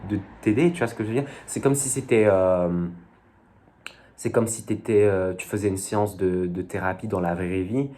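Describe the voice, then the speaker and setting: Rambling to camera at a moderate pace, a young vlogger speaks in a warm voice on the low side. He's hesitant and casual with his viewers, full of fillers and youthful slang.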